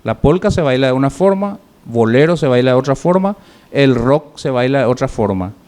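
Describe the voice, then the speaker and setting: A man teaching public speaking, giving feedback to his class in a measured way, listing points with pauses and rhetorical questions. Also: medium pitch, lively intonation, darkish tone.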